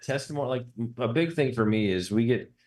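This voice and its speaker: A man's voice: medium pitch, lively intonation, brisk, a little mellow. A man chatting casually as a publisher, explaining things in a reflective way. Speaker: guest, book publisher. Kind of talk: casual conversation. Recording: roomy, echoing sound.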